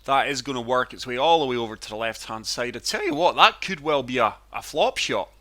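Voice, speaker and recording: Male gaming host, mid-pitched and bright, chesty and wheezy with a cold, casual golf play-by-play. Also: expressive, brisk. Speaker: gaming channel host and player. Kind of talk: casual golf game commentary.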